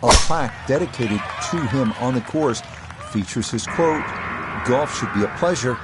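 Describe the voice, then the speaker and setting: Male golf commentator over loud crowd ambience. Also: medium pitch, animated, moderate pace, very noisy. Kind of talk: golf tournament play-by-play commentary.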